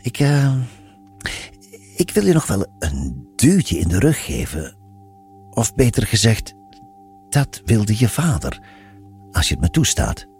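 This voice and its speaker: A man's voice: on the low side, wildly swooping pitch, takes it slowly, long pauses, darkish tone, soft background music, pitched above the performer's own voice, exaggerated voice. A man voicing a playful, patient nun who teases knowingly. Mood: teasing. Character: teasing, patient older nun, woman.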